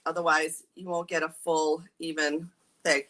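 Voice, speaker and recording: The audio is poor as a middle-aged furniture painting instructor from New England casually shows how to stain furniture during a live craft demo. Her low voice is a bit bright, unhurried, and flat in delivery. She chats with viewers by name and reads out their comments.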